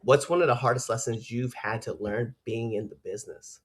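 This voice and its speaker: A man chatting casually as an interview host and fellow wrestler, telling stories in an animated, slangy way and laughing often. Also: mid-range voice, a little fast, breathy edge. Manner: animated storytelling with slangy asides; laughs often while talking.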